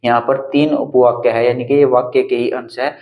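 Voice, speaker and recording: A man's voice: mid-range voice, flat delivery, phone-quality sound. Male Hindi teacher explaining grammar. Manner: explains step by step, often checking with "ठीक है"; reads example sentences slowly and deliberately. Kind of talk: exam-prep grammar lesson.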